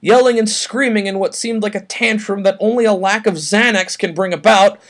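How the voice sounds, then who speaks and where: High-voiced sarcastic male podcast host. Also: moderate pace, fairly bright tone. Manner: sarcastic, mocking, profane. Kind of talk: comedic monologue.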